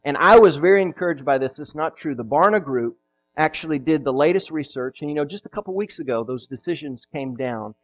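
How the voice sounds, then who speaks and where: A man preaching a sermon as pastor, emphatic and rising to loud peaks, with frequent restarts. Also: fairly high pitch, lively intonation, brisk, lo-fi sound.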